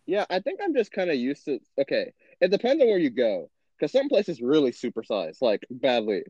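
A young man with a Texan accent tells stories on a casual podcast, and his voice swoops up and down as he acts out his own reactions. His voice sits fairly high for a man. The sound is dry and a little dull, like a lo-fi recording. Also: wildly swooping pitch, moderate pace, warm tone, husky, dry recording. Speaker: podcast host. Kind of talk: casual chat.

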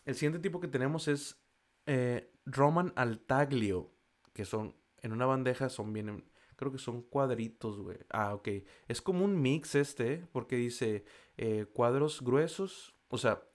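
A man's voice: medium pitch, a little slow. A man with a Mexican accent chatting casually in slangy, profane Spanish, stumbling over foreign food names as he reads a list. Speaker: vlogger. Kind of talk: casual chat reading a list.

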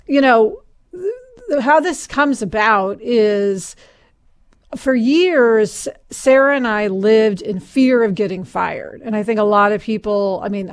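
American woman with gravelly vocal fry. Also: medium pitch. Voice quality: somewhat hoarse. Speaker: podcast co-host. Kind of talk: casual podcast chat.

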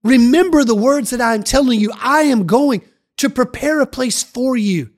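An earnest, gently reassuring Jesus, put on by a narrator in a dramatized Bible storybook reading. The lines come slow and deliberate, with the voice lifting a little when he comforts his followers. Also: medium pitch, animated. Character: calm earnest male Jesus teaching followers.

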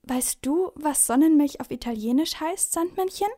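A woman's voice: sits high, animated, normal speed, warm tone, voice pushed up. A woman voicing a curious, enthusiastic young boy in a children's story reading. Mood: eager. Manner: eager, curious.

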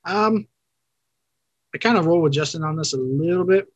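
A man's voice: a little high, moderate pace, no echo, muffled recording. A man in his thirties chatting casually on a podcast, rambling and correcting himself as he goes. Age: 30s. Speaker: podcast co-host. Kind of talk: casual chat.

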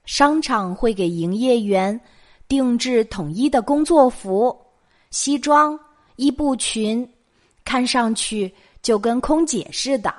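A woman's voice: fairly high pitch, lively intonation, slow pace. A middle-aged woman with a Mainland Chinese Mandarin accent tells childhood memories as bedtime stories in a conversational way. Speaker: storytelling host of a bedtime show.

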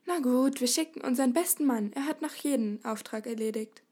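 Woman reading as a tired phone lady at an office, matter-of-fact, a bit high. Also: a little fast, darkish tone. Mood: weary. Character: weary female office telephone clerk.

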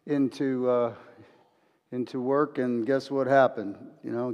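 A man's voice: medium pitch, warm tone. A man preaching a conversational sermon, retelling stories and drawing lessons from them. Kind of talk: conversational sermon built on a film. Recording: long hall reverb.

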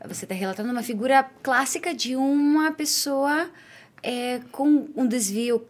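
Probing woman host, higher voice. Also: moderate pace. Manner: probing, asks clarifying questions. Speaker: podcast host. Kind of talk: interviewing.

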